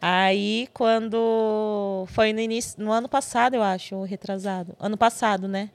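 A Brazilian woman guest chatting casually on a podcast, lively and laughing often as she talks in quick bursts. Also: medium pitch. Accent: Brazilian Portuguese. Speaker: podcast guest, TV stage assistant. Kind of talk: casual chat.

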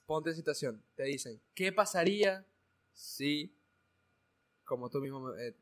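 A man's voice: on the high side, lively intonation, unhurried, fairly bright tone. A young man in casual chat who jokes and laughs a lot and trips over his own words.

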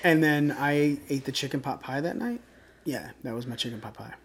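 A man's voice: medium pitch, a little fast, a little hiss or hum. Man telling a story in casual chat. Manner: loose storytelling with swearing and laughs. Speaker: podcast co-host.

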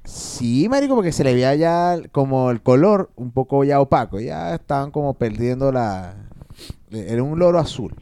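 A man with a Venezuelan accent telling a teenage memory in animated, slangy chat. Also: mid-range voice, moderate pace, clean tone, no echo, studio quality. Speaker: podcast co-host. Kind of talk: casual storytelling among friends.

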